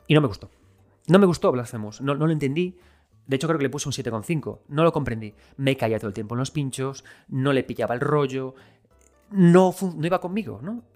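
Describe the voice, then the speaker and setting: A man's voice: mid-range voice, brisk, a little mellow, soft background music. A man from Galicia talking casually and enthusiastically to his viewers about video games. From Galicia, Spain. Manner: enthusiastic, conversational, addresses viewers directly. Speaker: video game commentator. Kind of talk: casual spoken game review.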